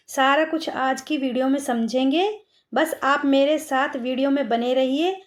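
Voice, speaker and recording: High-voiced woman teaching children slowly. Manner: slow, drawn-out word dictation; patient, addresses children directly. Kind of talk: online children's lesson.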